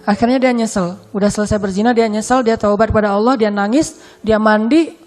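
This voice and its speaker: A woman preaching lively in an echoey hall. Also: brisk. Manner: lively storytelling, acts out dialogue with shifting pitch. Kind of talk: casual conversational sermon. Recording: echoey hall with music behind.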